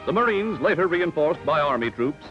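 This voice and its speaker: Guy doing old newsreel narration, kinda high voice, big dramatic announcer punch, muffled lo-fi film sound with loud music under it. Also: sing-song, normal speed. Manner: dramatic, emphatic announcer delivery.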